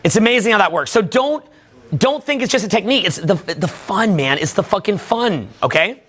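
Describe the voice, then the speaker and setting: A man's voice: sits high, expressive, fairly quick. A man giving emphatic, profane voice-over commentary as a dating coach.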